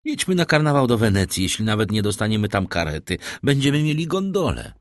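A man reading an audiobook, voicing a young gentleman traveler who talks in a wry, self-assured, bargaining way. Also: lowish voice, big pitch swings, quick pace, no echo, clean studio sound.

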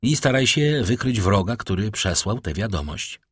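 A man reading an audiobook, voicing an eager, impulsive young nobleman with a husky voice. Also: on the low side, big pitch swings, normal speed, no echo, studio quality.

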